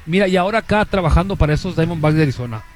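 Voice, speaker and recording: A man's voice: on the high side, lively intonation, racing. A man hosting a sports radio show, interviewing a guest in a friendly, bantering way. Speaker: radio host.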